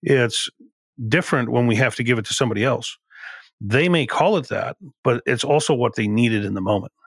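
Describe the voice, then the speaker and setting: A man with a gravelly edge to his voice speaks as a podcast guest, sharing business lessons with emphatic, repetitive phrasing. The recording is close and dry, with no room sound around him. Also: medium pitch, brisk, dry recording. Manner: emphatic, repeats and restarts phrases. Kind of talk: conversational podcast interview.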